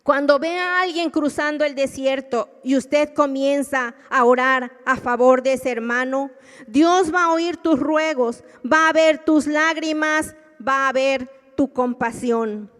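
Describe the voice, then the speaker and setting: Slow high-voiced Mexican woman preacher. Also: fairly even intonation, a bit bright, long reverb tail. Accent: Mexican Spanish. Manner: earnest, preaching with dramatic retellings of scripture. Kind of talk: sermon.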